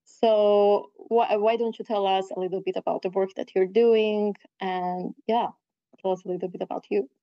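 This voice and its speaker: A woman's voice: medium pitch, steady tone, moderate pace, dry recording. A woman hosting a podcast interview over a video call, speaking in a hesitant way with frequent restarts. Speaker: podcast host. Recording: dull, dry remote call audio.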